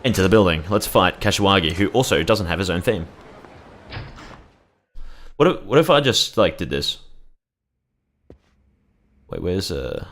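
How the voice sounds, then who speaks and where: A man's voice: sits low, very animated, unhurried, pauses often, a bit bright. A man giving casual live-stream commentary on a video game as its streamer. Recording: music and game audio behind.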